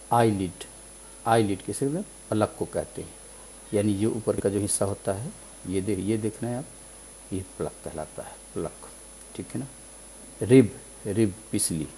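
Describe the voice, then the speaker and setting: Guy teaching words slowly, says each one a few times, keeps checking in, bit of hiss. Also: fairly low pitch, gravelly, mellow, low-quality recording. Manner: patient, repeats each word several times; frequent "theek hai na" check-ins. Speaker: English teacher. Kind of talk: vocabulary lesson in Urdu.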